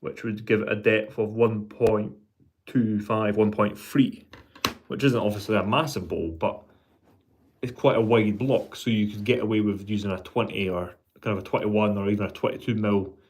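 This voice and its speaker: A man chatting casually as a pipe maker on his vlog, thinking aloud in a halting way and repeating words. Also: fairly low pitch. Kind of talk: casual, rambling hobby vlog chat.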